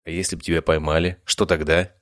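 A man's voice: low-pitched, level tone, fast, a bit bright, clean tone, no echo, clean studio sound. A man voicing a firm, caring young nobleman hero who scolds his companions in an audiobook.

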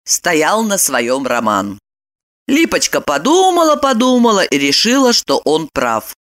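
A woman narrating an audiobook in an expressive storytelling voice. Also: deep voice, unhurried. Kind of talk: scripted narration.

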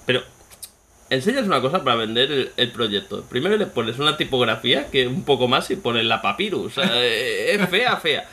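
A man's voice: medium pitch, big pitch swings, normal speed, bright, forceful tone. A man, co-hosting a casual podcast chat, joking and often laughing. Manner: joking, laughs often, acts out mock quotes. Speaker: podcast co-host.

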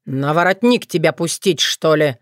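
A woman voicing a wary, exasperated young man in an audiobook, lowering her voice for him. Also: animated, normal speed, no echo, clean studio sound. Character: young man, nervous, easily startled.

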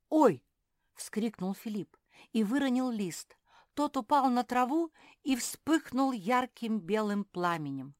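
A woman narrating a children's story aloud on a close mic, lively and dramatic. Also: mid-range voice, no echo. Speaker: audiobook narrator.

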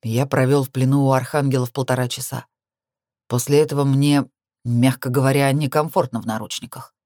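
A reader lowering her voice into an intense young man, possessive and insistent, his words low and firm. The tone is dark and mellow, with a close, dry sound and no room around it. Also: fairly even intonation, a little fast, dry recording, close to an everyday voice.

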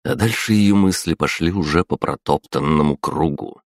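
A man narrating an audiobook in a steady, matter-of-fact storytelling manner. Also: rumbling low, moderate pace, no room sound, studio quality. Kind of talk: scripted narration.

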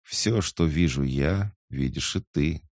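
A man's voice: very deep voice, takes it slowly, a little mellow, dry recording, studio quality, voice pushed up. A man voicing a sly, teasing young catgirl who purrs her words in an audiobook. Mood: purring. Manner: purring, mocking.

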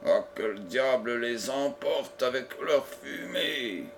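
A man reading the part of a blunt male impostor engineer who grumbles and panics, in a slow audiobook read. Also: medium pitch, expressive, vocal fry, a little hiss or hum. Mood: grumbling.

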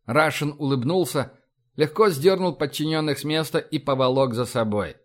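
A man narrating an audiobook in an even storytelling delivery. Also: fairly high pitch, normal speed.

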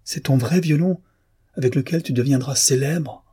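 A man voicing an excited young man who has made a gift for his brother, in a storybook reading. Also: medium pitch, moderate pace, breathy edge, pitched above the performer's own voice, lightly acted. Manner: eager, bursting with joy. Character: young man, fervent proud inventor brother.

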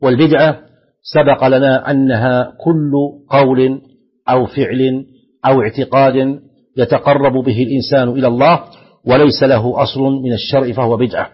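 A sheikh gives a steady Islamic lesson in a husky, slightly breathy voice of middling pitch. He reads each phrase of the text aloud with stress, then explains it deliberately. The recording is dull and lo-fi. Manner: stresses quoted words, lifting voice on them. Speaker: sheikh teaching a hadith text.

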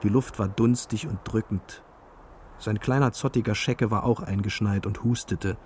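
A man's voice: on the low side, fairly even intonation, normal speed, darkish tone, slight background noise. A man narrating a radio play with a brooding, bitter manner.

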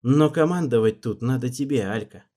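A man reading the part of an unsure young ruler who talks hesitantly and gently. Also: medium pitch, normal speed, lightly acted.

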